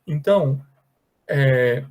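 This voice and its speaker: A man with a Brazilian Portuguese accent giving a pronunciation lesson, explaining patiently and repeating English words slowly and carefully. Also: medium pitch, darkish tone. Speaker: English teacher.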